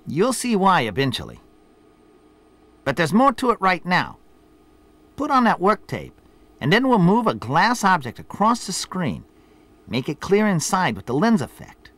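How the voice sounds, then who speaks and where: A man's voice: high-pitched, wildly swooping pitch, unhurried, long pauses, fairly bright tone, no echo, heavily acted. An actor playing a boastful, teasing middle-aged boss who instructs his apprentice in scripted promotional dialogue. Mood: bossy. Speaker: boss character in a promo video.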